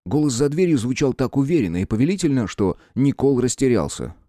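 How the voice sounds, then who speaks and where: An audiobook narrator reads a scripted story with an expressive, wry delivery. His medium-pitched voice moves a little quickly, and the recording is dry and studio-clean.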